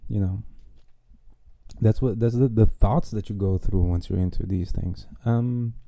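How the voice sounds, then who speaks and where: Low gravelly guy rambling thru a podcast story, jokey and self-deprecating. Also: fairly even intonation, measured pace, dark tone, dry recording. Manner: self-mocking, chatty, wry jokes. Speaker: podcast host. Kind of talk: casual monologue storytelling.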